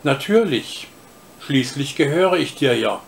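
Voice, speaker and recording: A haughty little porcelain cat from a storybook speaks down to the boy who owns her, voiced by a man reading aloud. Her delivery is slow and unhurried, with a plain middle pitch lifted now and then. The tone stays prim and superior. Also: expressive, gravelly, a little hiss or hum.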